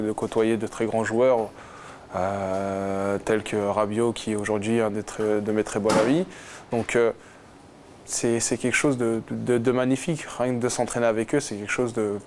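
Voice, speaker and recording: A man's voice: lowish voice, steady tone, moderate pace, darkish tone. Hesitant young man, faint background noise. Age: 20s. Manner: hesitant, many fillers and restarts. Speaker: footballer guest. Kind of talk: casual interview.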